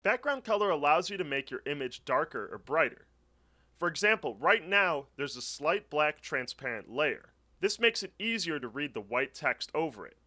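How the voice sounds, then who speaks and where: Bright, lively male tutorial voice. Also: fairly high pitch, normal speed. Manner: clear step-by-step instructional. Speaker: tutorial narrator. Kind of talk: scripted screen-recording walkthrough. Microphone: voice-over.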